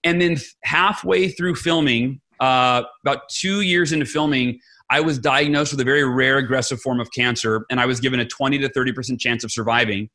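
A man's voice: medium pitch, fairly even intonation, brisk, few pauses, pushed and bright. A middle-aged man, an interview guest, telling a personal story with enthusiasm and often quoting what others said. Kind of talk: animated storytelling in conversation.

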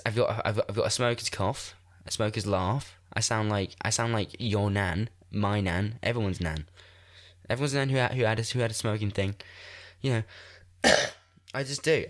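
This is a man in his twenties with a fairly low, fairly bright voice and a congested, blocked nose. He hosts a solo podcast from his room in a shared house, speaking into a desk mic while rambling, swearing, and mocking himself.

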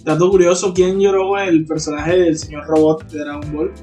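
A man's voice: fairly high pitch, flat delivery, normal speed, mellow, distant mic, faint music behind. A man co-hosting a casual chat, explaining eagerly. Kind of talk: casual chat about anime.

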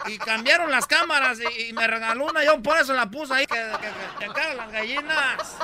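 A man's voice: very high voice, brisk, noisy background. A man playing a crude, cheeky old rancher on trial in a comedy radio sketch. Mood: rambling. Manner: rambling, cheeky, laughing.

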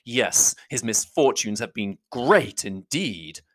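A reader voicing a proud, stiff gentleman who speaks in a measured, contemptuous, slow way. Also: mid-range voice, lively intonation, close to an everyday voice. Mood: cold. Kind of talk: audiobook reading.

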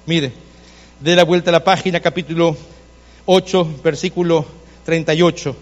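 A man's voice: fairly high pitch, steady tone, normal speed, long reverb tail, lo-fi sound. A man preaching a sermon as a pastor, telling stories conversationally and pressing his points with repetition. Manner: conversational storytelling, insistent repetition. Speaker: Adventist pastor.

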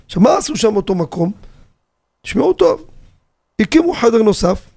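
Animated, gravelly-voiced rabbi on the radio. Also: male voice, high voice. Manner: animated, asks rhetorical questions, tells anecdotes. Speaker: rabbi teaching on a radio show.

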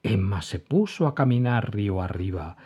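A man reading a children's story aloud in an expressive, animated storybook narration. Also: on the low side, moderate pace, breathy edge. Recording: dull lo-fi recording.

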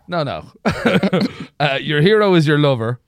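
A giggly male podcast host with a lively, bouncing voice that sits a little high. He chats casually and breaks into laughter often, recorded close in a dry, dead space. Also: a little slow, vocal fry, dry recording. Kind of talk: casual comedy chat.

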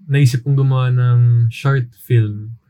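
A man co-hosting a casual podcast, relaxed and laughing often while telling anecdotes. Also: mid-range voice, unhurried. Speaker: podcast co-host. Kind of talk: casual storytelling chat.

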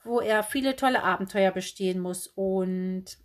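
A woman's voice: medium pitch, moderate pace, close to an everyday voice. A woman voicing a cheerful, quirky young female bookseller in a kimono, bubbly and breezy. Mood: chirpy. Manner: bubbly, breezy, oddly matter-of-fact.

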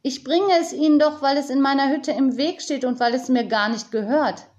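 A woman voicing a flustered, earnest forest girl who speaks high and quickly in a storybook reading. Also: darkish tone, lo-fi sound, lightly acted. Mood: upset.

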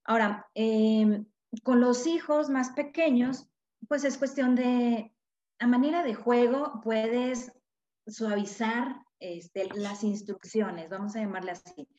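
A woman's voice: on the high side, takes it slowly, a little mellow. A woman, a guest expert explaining parenting in an interview, who acts out the voices of parents and children. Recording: echoey, dull lo-fi sound.

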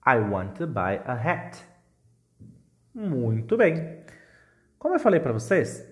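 An English teacher with a Brazilian Portuguese accent, giving a call-and-repeat lesson with careful model phrases and questioning prompts. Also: medium pitch.

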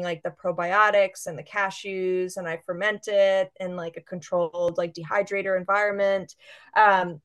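A woman chef as a guest, chatting casually and enthusiastically, filling her talk with "like". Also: mid-range voice. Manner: chatty, fillers of "like" throughout; enthusiastic, gushing. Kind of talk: casual interview chat.

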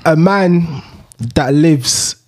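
A man's voice: fairly high pitch, extremely slow, darkish tone. A young man chipping into casual group banter.

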